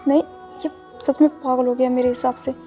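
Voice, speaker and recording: A flustered, lovesick young man who gets worked up easily, played by a woman storyteller. The voice sits high and warm, with faint music in the background. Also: little pitch movement, a little fast, natural voice. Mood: shocked.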